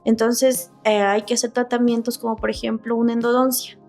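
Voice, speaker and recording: A woman's voice: on the high side, level tone, brisk, darkish tone, soft background music. A young adult woman, a dentist explaining her work earnestly, step by step, in a casual interview. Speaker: dentist guest.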